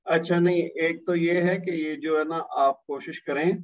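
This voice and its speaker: A man's voice: fairly high pitch, fairly even intonation, dull audio, a little hiss or hum. A male Quran teacher running an online tajweed class, patient but firmly correcting his student.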